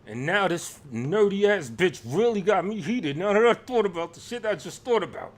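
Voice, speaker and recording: A rapper ranting at his critics, swearing heavily and swinging from shouting to low muttering. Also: expressive, moderate pace. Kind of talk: profane angry rant.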